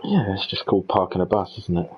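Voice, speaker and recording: A man's voice: low voice, very animated, quick pace. A man co-commentating an online racing league, hesitant and full of ums and restarts. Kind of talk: casual esports race commentary. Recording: dull lo-fi stream audio.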